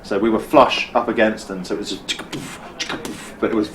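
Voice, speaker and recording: A man's voice: on the low side, fairly even intonation, quick pace, background noise. A British man and filmmaker, interviewed as a guest, telling a vivid story in conversation, acting out what people said and often restarting his sentences. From Britain. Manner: vivid, acts out quotes, frequent restarts. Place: costume shop.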